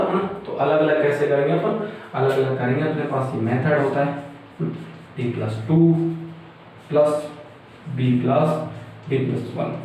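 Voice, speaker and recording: A young man explains a math problem step by step, often pausing to check that his students follow. His slightly raised voice comes from some distance off the mic. The room around him is very echoey, with a faint hiss underneath. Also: a little high, darkish tone. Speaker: math teacher. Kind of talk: whiteboard math lecture.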